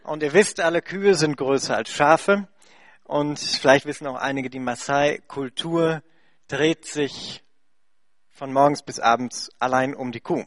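He speaks at a measured pace in a voice on the high side, captured as a dry recording with clean studio sound. The speaker, a German man leading a charity, interprets for a guest and then recounts a story to a church congregation, chatty and heavy on fillers.

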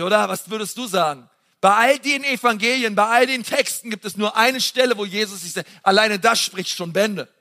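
A man preaching a sermon, passionate and emphatic, talking straight to his listeners in a casual way and swinging between loud and soft. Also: high voice. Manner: casual, direct address to the audience.

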